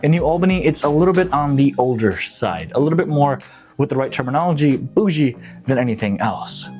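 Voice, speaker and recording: A man's voice: on the high side, animated, brisk, a little mellow, faint music behind. A young man from Nepal, a real estate agent, talking up local suburbs in a casual, upbeat and slangy promotional vlog.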